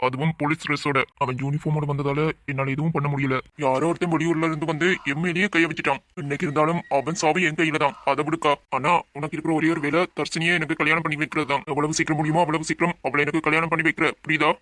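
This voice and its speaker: A voice actor as an arrogant villain politician. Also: male voice, on the high side, little pitch movement, racing, few pauses, bright, forceful tone, no room sound. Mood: threatening. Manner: bossy, threatening. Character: arrogant angry young male politician, villain. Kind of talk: cartoon drama voice acting.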